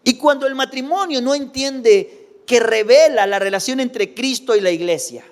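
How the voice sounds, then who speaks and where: Male pastor, high voice, emphatic sermon delivery, long hall reverb. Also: normal speed. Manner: emphatic preaching with repeated rhetorical questions.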